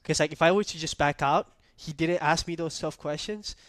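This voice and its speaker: A young man from Malaysia, hosting a podcast, telling a story in a relaxed way and asking "right?" often. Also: a little high, moderate pace, no echo. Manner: storytelling, laid-back, peppered with "like" and "right?". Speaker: podcast host. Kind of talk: casual podcast chat.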